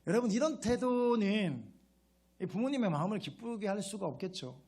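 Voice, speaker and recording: A man's voice: high-pitched, big pitch swings, normal speed, a little mellow, husky. A male pastor preaching a sermon in a conversational way, often putting rhetorical questions to his congregation and acting out a child's grateful words.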